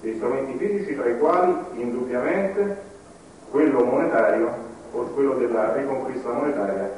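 A man giving a conference talk in a deliberate, halting way, often restarting his phrases. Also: medium pitch, darkish tone, a little hiss or hum. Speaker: conference speaker. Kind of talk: public lecture. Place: conference hall. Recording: echoey hall recorded from a distance.

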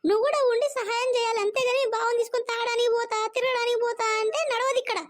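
A woman doing a shrill, nagging Telangana cartoon wife. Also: steady tone, no room sound, clean studio sound. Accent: Telangana Telugu. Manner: scolding, nagging, rapid-fire taunts. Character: sharp-tongued young wife, quarrelsome and demanding. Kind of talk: cartoon comedy voice acting.

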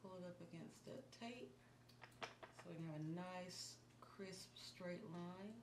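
In a small indoor room against a plain wall, a beauty vlogger in her thirties leads a step-by-step makeup tutorial, speaking slowly in a lowish, slightly hoarse voice as if she's losing it. Her manner is calm and instructive, dropping nearly to a murmur while she works. The recording is echoey with background hiss.

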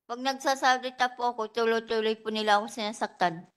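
A woman testifying as a witness at a hearing, answering softly and politely in short replies. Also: fairly high pitch, fairly even intonation, quick pace, clear, resonant tone. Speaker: witness, domestic worker. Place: legislative hearing room.

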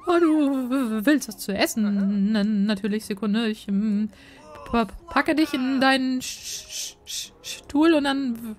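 Excitable woman hosting a game Let's Play. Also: on the high side, measured pace, soft background music. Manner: excitable, swearing, exasperated outbursts. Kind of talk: game commentary.

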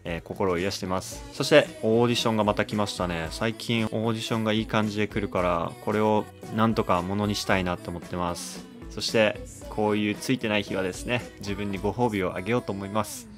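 A man in his thirties talks through his week in a laid-back, self-mocking vlog voice. His voice sits fairly low, and soft music plays faintly behind him. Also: quick pace. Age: 30s. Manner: relaxed, self-deprecating, chatty. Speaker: vlogger and actor. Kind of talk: casual vlog narration.

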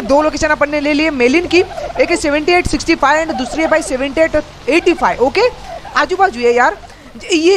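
A man with commentates his game in an excitable, slangy rush, often repeating himself. His voice sits unusually high and is hoarse from a strained throat. A faint hum of ambience sits behind him. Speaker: gaming YouTuber host. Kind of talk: live gameplay commentary.

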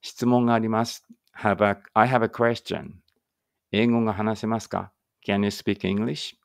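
This read-aloud language drill features an English teacher with a low, gravelly voice, recorded at studio quality with no echo. He gives each Japanese phrase, then the English one, slowly and deliberately, and explains things in an easy, conversational way.

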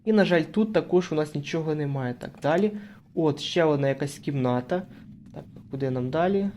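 A young man talks his way through a horror game, describing each room and door he opens. His voice sits a bit high for a man yet sounds mellow and soft. He chats casually and gets jumpy when something comes near. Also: a little fast, slight background noise. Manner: chatty, narrates each move, nervous bursts when hiding. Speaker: gaming channel host. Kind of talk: casual Let's Play commentary.

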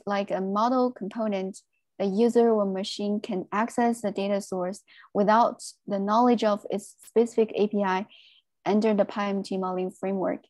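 A woman giving a technical presentation on a video call, speaking in a measured way with frequent fillers. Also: medium pitch, darkish tone, no room sound.

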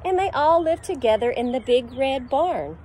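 Her voice sits high and has a darkish tone, animated and at a moderate pace, with a little hiss or hum in the audio. A middle-aged woman who works as a preschool teacher, she reads a picture book to children in a sing-song voice and sometimes makes animal noises. She was recorded on a backyard deck outdoors with a phone camera at arm's length.

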